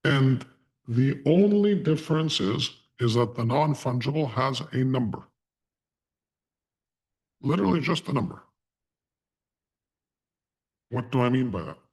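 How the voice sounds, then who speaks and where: A man teaching a live online class in deliberate short phrases, his voice disguised as deep and unclear by a voice changer. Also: animated. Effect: voice changer giving a disguised deep, Darth Vader-like voice. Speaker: online course instructor. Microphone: online video call through a voice changer.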